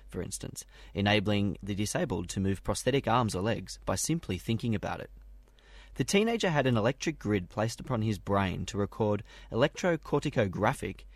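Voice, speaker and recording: A man with a fairly low voice reads prepared science news. The recording is dry, with hardly any room sound around him. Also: dry recording. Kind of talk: scripted news reading.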